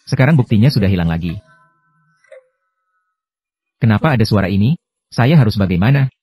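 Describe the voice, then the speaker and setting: A man reading out translated drama dialogue as a recap voice-over, with a stiff, even delivery for every part. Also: fairly low pitch, a little fast, husky, dry recording.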